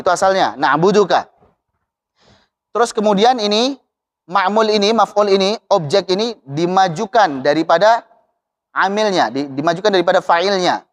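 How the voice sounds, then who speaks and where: A man teaching Quran recitation, chanting verses slowly and then explaining them patiently to his students. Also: high-pitched. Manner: slow melodic chanting of verses between explanations. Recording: long hall reverb.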